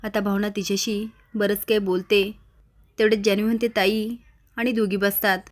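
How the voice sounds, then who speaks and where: A woman's voice: medium pitch, level tone, fairly quick. Matter-of-fact woman narrator. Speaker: narrator recapping a TV serial. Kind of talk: scripted narration.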